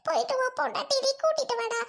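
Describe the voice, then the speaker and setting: A woman's voice: extremely high pitch, fast talker, gravelly. A woman playing a childless young wife in a family drama skit, pleading and tearful. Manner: pleading, repeats "aunty" (mother-in-law) again and again.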